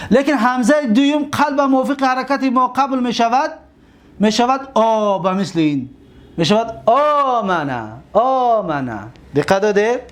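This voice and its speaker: Man, fairly high voice, grammar teacher, repetitive drilling, self-answered questions. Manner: drilling, repeats forms and asks himself questions. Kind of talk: classroom-style lecture.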